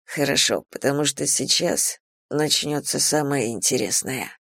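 A woman reader voicing a dominant, teasing man in an erotic romance audiobook, speaking low, slow and hushed. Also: lively intonation, creaky, dry recording, studio quality, full character voice. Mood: teasing, commanding.

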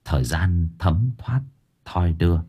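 Expressive, husky male audiobook narrator. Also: sits low, slow pace, highs cut off. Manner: expressive storytelling. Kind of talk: scripted story narration.

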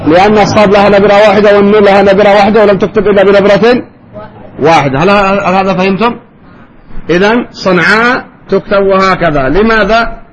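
Guy teaching spelling in class, kinda high pitched, keeps asking the students stuff. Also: fairly even intonation, poor audio. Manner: quizzes students with quick questions. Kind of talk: classroom lesson.

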